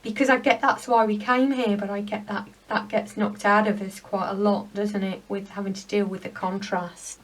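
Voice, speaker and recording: A woman giving a spiritual pick-a-card rune reading, speaking in a gentle, rambling, heartfelt way. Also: medium pitch, level tone, normal speed, hardly any pauses, far from the mic, rough recording.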